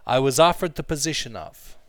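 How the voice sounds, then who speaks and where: A man's voice: medium pitch, lively intonation, fairly quick, fairly bright tone. A man teaching an English class, explaining vocabulary and drilling pronunciation with repeated phrases. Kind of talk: classroom language lesson.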